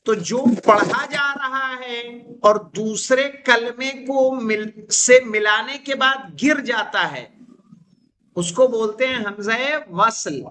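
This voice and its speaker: A man whose first language is Urdu, teaching an Arabic grammar class, reading Arabic phrases slowly and translating them, with frequent check questions to students. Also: extremely high pitch, pushed and bright, slight background noise, rough recording. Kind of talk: classroom lesson.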